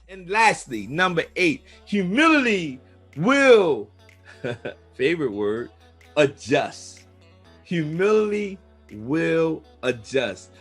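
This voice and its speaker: A man's voice: fairly high pitch, fairly bright tone. A man leading a peer recovery leadership training, preaching each point with emphatic repetition. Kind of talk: motivational training lesson.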